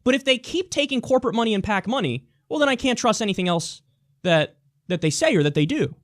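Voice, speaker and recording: Man, political talk host, heated rant, high-pitched, emphatic, blunt, swears freely. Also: animated, fast, fairly bright tone, no room sound, studio quality. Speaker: political commentary show host. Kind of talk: solo political commentary rant.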